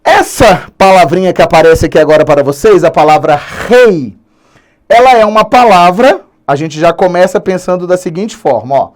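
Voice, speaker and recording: A male teacher with a high voice gives an online Brazilian Portuguese grammar lesson. He's animated, slowly drawing out key words for emphasis.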